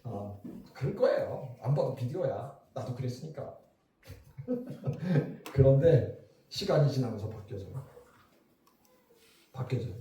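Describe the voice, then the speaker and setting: Animated pastor preaching in an echoey hall. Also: male voice, mid-range voice, measured pace, pauses often, recorded from a distance, a little hiss or hum. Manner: lively, talks to the crowd with questions. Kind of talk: revival sermon. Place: church hall.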